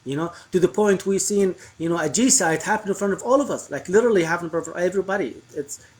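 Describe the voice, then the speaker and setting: A man's voice: sits high, quick pace. A man from Iraq, a guest on a live stream, talking politics earnestly and insistently with many fillers and restarts. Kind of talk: impassioned political talk.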